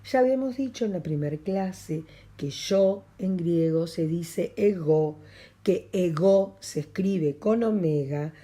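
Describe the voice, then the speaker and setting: Argentine lady teacher, middle aged, repeats words real slow, dark kinda husky tone. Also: on the low side, lively intonation. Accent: Argentine Spanish. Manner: patient, repeats phrases slowly for students. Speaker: Greek language teacher. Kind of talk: recorded language lesson.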